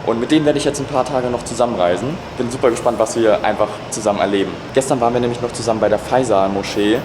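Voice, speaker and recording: A man vlogging his travels outdoors in a city, upbeat and excited, piling on intensifiers as he talks to his camera. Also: mid-range voice, rapid-fire, echoey room, background noise. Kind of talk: casual travel vlog.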